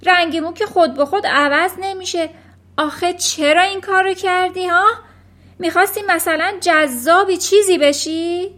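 Vain scornful mother, played by a woman, shrill scolding, high pitch. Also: fairly bright tone. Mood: shrieking scornful. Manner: shrieking and scolding. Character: shrieking scornful mother, sharp-tongued and vain.

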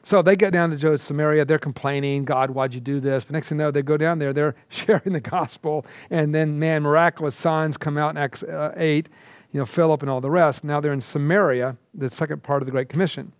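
A middle-aged man from Georgia, teaching a recorded lesson and telling lively stories. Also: a little high, a little fast, no room sound. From Georgia, USA. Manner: animated storytelling with asides. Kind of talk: recorded lecture.

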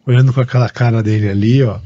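Husky Brazilian man, slangy podcast host. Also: medium pitch, fairly even intonation, fast, mellow, muffled recording. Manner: blunt, slangy, sweary. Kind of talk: casual chat.

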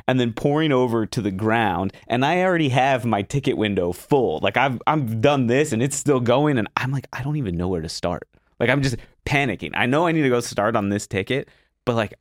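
A man's voice: mid-range voice, no echo, studio quality. A young man telling a kitchen story in casual talk, acting out his panic in a raised voice. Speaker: guest chef.

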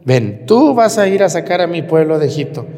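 A priest voicing God as an insistent, reassuring caller summoning Moses, recorded in a reverberant church. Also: male voice, a little high, sing-song, fairly quick, mellow, voice pushed up.

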